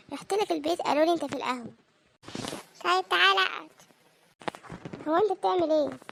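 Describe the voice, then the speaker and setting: A woman's voice: extremely high pitch, gravelly, fairly bright tone, slight background noise. A woman with an Egyptian accent narrating comic jokes and chatting for a cartoon channel. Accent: Egyptian Arabic. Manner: quick, chatty storytelling.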